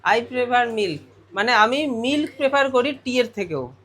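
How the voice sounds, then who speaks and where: A man's voice: very high voice, expressive, a little slow, a bit bright. A male teacher going through a grammar lesson step by step, often putting questions to his students. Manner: explains step by step, asks the class questions.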